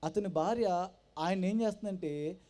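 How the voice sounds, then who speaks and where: A man giving his personal testimony at a church gathering, telling his story with animated storytelling and acting out the voices of the people in it. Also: high-pitched, measured pace. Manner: animated storytelling that acts out quoted dialogue. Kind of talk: personal testimony told to a congregation.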